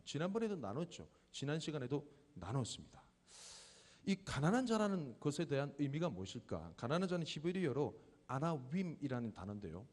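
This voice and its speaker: A man's voice: medium pitch, a little mellow. A man in his thirties preaching a sermon to a church youth group, speaking conversationally, posing questions and telling stories about his own family. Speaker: pastor. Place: church hall. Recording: long hall reverb.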